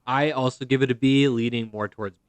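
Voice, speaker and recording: A man's voice: mid-range voice, steady tone, a little fast, clear, resonant tone, no echo. A man co-hosting a casual fantasy football podcast, teasing the others and laughing a lot. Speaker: podcast co-host. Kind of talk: casual chat.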